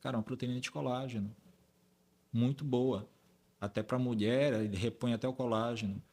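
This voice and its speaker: Brief: Brazilian male host, mid-pitched, lively anecdotal storytelling. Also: brisk. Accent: Brazilian Portuguese. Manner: animated storyteller, acts out dialogue. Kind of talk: casual conversation.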